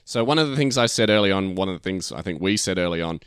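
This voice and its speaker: Guy cohosting a podcast, lowish voice, rattles on fast explaining stuff, dry close sound. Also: animated, fairly bright tone, clear, resonant tone, no room sound. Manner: talks in long explaining runs with fillers. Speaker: podcast co-host. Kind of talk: casual chat.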